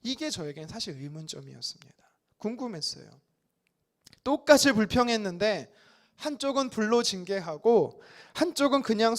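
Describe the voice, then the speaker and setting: A male pastor in his thirties preaching a Wednesday prayer sermon in a conversational way, now and then acting out complaining voices. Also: sits high. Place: church sanctuary.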